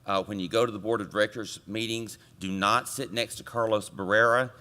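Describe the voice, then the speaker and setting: Guy reading out a committee report at a conference, bright tense voice, lowish pitch, cracks jokes at the crowd. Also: a little fast. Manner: relaxed, with joking asides to the audience. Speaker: committee chair giving a report. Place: conference meeting room.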